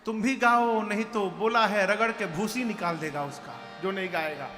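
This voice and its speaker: A man telling a devotional katha, animated and acting out characters in rustic dialect, sometimes leading chants. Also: high voice, normal speed. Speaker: katha storyteller. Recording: echoey hall with music behind.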